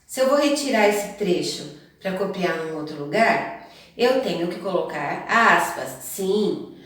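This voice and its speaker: A woman teacher, explaining slowly and deliberately to children in a lesson. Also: on the low side, lively intonation, a bit bright. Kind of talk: classroom lesson. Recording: very echoey room, voice far from the mic.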